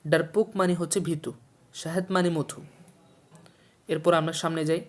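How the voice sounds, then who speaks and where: For a video series, a Bangladeshi man who teaches Urdu goes through a textbook lesson slowly and patiently, his voice fairly high. Every new word comes with its meaning, both repeated, and he regularly asks his audience questions to check their understanding.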